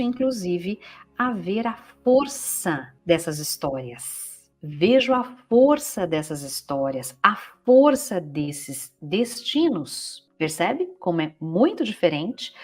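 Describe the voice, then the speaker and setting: A woman with a Brazilian Portuguese accent speaks in a lowish, husky voice. She is a psychologist and family constellation teacher giving an explanatory talk, patiently checking in with her listeners as she goes.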